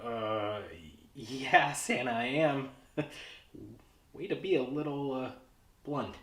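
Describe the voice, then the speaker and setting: A man's voice: mid-range voice, slow pace, fairly bright tone, echoey room. A man working as a horror host, presenting comedic segments in a casual, slightly hesitant and exasperated way.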